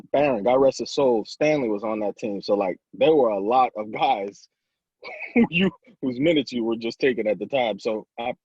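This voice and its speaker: Guy with a husky breathy voice owning up to something, dry dull audio. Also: lowish voice, darkish tone, no echo. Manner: apologetic, measured, with stammered restarts. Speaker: podcast guest. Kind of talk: casual chat.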